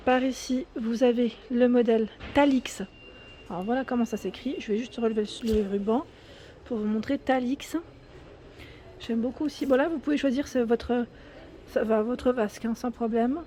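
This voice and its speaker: A shopping vlogger with a French accent chats enthusiastically while walking through a large indoor home improvement store, reading out prices and sizes in a casual walkthrough. Her voice is a little high and dark-toned, with fairly even intonation and a moderate pace, over slight background noise.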